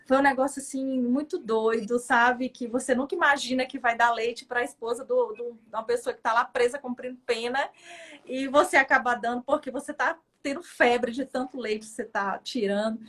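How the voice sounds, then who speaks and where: Middle-aged Brazilian woman judge, fairly high voice, intense and expressive, casual interview talk. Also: normal speed. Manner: emotional, expressive storytelling.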